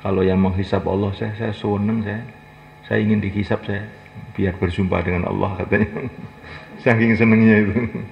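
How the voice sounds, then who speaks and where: A man's voice: lowish voice, flat delivery, normal speed, creaky. A man preaching a folksy, humorous sermon, acting out little dialogues and urging listeners to stand. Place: mosque gathering. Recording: echoey hall, lo-fi, faint noise.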